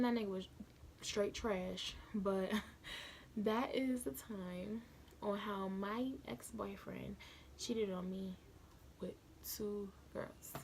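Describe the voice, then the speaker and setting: A woman's voice: mid-range voice, creaky, a little hiss or hum. A young woman telling a personal story casually into a phone camera, chatty and slangy, building the drama as she retells it. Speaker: vlogger.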